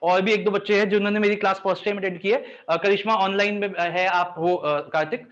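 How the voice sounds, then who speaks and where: A man's voice: high-pitched, fairly even intonation, quick pace, a bit bright, dull audio. A man teaching a live revision class, often checking that students follow and drilling them with call-and-response recitation.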